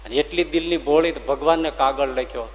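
A man's voice: a little high, a little fast. Man preaching in a big echoey hall. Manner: animated, acts out dialogue. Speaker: swami giving a religious discourse. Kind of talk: devotional sermon storytelling. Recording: long hall reverb.

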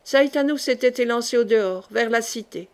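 A woman reading a historical novel aloud as an audiobook, in a measured, expressive storytelling manner. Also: a little high. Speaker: audiobook reader. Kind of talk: literary audiobook narration.

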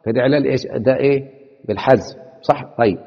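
A man's voice: mid-range voice, fast, gravelly, husky. A man with an Egyptian accent teaching a classroom lecture, quizzing his students with rhetorical questions and mixing formal speech with colloquial asides. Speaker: teacher of Arabic morphology. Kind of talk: classroom lecture explaining a text. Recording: dull, echoey hall.

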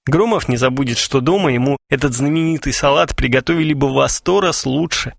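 A man reading an audiobook in an even, measured narration. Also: medium pitch, vocal fry, no echo, clean studio sound. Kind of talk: scripted narration.

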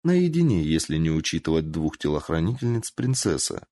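Lively low-voiced male audiobook narrator. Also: normal speed. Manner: expressive, lively storytelling.

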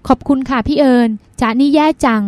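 A woman's voice: sits high, fairly quick, a little mellow, dry recording, close to an everyday voice. A woman reading the lines of a dreamy, chatty young woman who plays the younger sister. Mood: wistful. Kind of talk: audiobook character reading.

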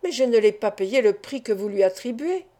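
A woman's voice: fairly high pitch, expressive, normal speed, warm tone, natural voice. A woman reading a desperate accused man protesting. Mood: indignant. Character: accused male clerk, indignant and desperate.

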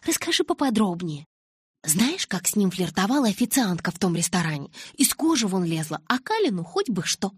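A woman voicing a nosy, excitable teenage schoolgirl who pries eagerly for gossip in an audiobook. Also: mid-range voice, a little fast, hardly any pauses, husky, no echo, clean studio sound. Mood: pleading. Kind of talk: audiobook character reading.

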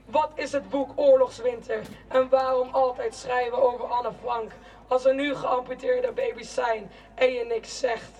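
Young woman, rally speaker, high voice, slow poetic delivery, heard from far off outdoors. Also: flat delivery. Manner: slow, declamatory, with shouted chants. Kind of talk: protest speech, spoken-word poetry. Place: outdoor city square at a demonstration. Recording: distant outdoor rally recording.

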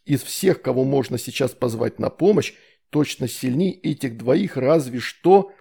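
A man reading an audiobook narration in a measured, even way. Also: medium pitch, gravelly, husky. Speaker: audiobook reader.

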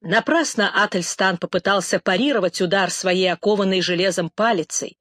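A woman narrating a novel in a measured, even reading voice as an audiobook narrator. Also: medium pitch, no room sound, studio quality.

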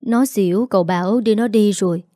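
A woman voicing a quarrelsome, greedy middle-aged mother who scolds fast and sharply. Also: medium pitch, mellow, no echo, clean studio sound, close to an everyday voice. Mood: angry scolding.

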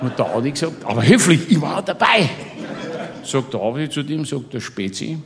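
Over some background noise, a man with a Bavarian accent delivers a comic dialect tale in a mid-range, expressive voice at a fairly quick clip. Boisterous throughout, he laughs through his own story and adds chummy remarks to the listener.

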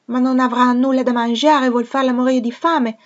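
Una bambina francese vivace e supplichevole, interpretata da una donna che legge, con una voce acuta ed eccitata che sale di tono. Il suono della registrazione è un po' ovattato. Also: female voice, high-pitched, flat delivery, moderate pace, dull audio, pitched above the performer's own voice, natural voice. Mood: worried. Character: little French girl, eager and pleading.

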